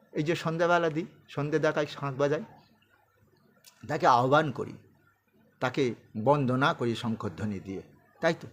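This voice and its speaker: Man preaching, high voice, keeps asking the crowd questions. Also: a bit bright. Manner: asks the audience questions. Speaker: preacher explaining scripture. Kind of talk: sermon.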